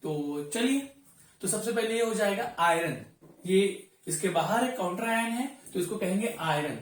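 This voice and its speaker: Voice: medium pitch, animated, moderate pace. Teacher in a very echoey room. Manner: addresses students as 'beta', often checks understanding. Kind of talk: classroom chemistry lesson. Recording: very echoey room, voice far from mic.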